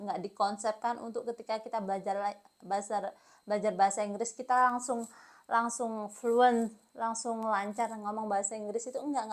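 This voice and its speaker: Woman teacher; chatty, encouraging, fairly high voice. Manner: chatty and encouraging, speaks straight to viewers. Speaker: English teacher. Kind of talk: casual teaching talk.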